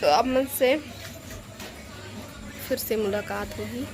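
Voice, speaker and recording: A woman with a fairly high voice and a Chhattisgarhi accent talks casually to her viewers. She narrates small household happenings in an everyday home-vlog style. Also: slow, background noise. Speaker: home vlogger. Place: at home in the evening.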